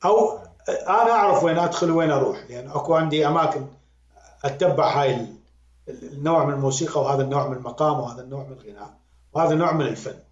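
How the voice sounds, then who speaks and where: Fast, animated Iraqi man in echoey room. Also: a little high. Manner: animated, emphatic, repeats words for stress. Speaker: music critic and guest. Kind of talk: conversational critique. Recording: roomy, dull lo-fi sound.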